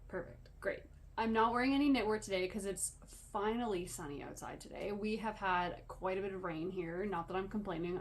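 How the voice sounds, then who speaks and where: A woman chatting casually as a podcast host, slightly wheezy and short of breath, with rambling, self-deprecating asides. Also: mid-range voice. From Canada. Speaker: podcast host and yarn dyer. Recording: clear background room noise.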